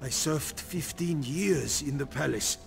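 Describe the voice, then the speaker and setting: An actor playing a loyal middle-aged former palace servant in a video game, deferential and eager to serve. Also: male voice, a little high, vocal fry. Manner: deferential and eager, drawn-out phrasing. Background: game music.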